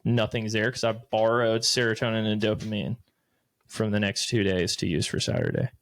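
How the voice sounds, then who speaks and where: A podcast co-host in his late twenties tells rambling stories in loose, profane, casual chat. His voice is fairly low, and he talks at a moderate pace.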